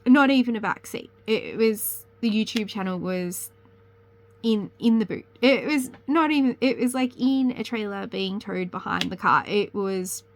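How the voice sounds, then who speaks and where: A young woman hosting a crafting channel chats casually to camera, rambling and correcting herself as she goes. She has a slight cold and sounds sniffly. Her medium-pitched voice is unhurried, and there's a little hiss or hum in the recording.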